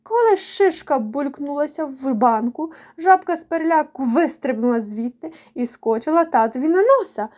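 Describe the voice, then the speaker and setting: A woman voicing a bold young girl in a children's storybook, telling a story in an eager, lively way. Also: high-pitched, normal speed, few pauses.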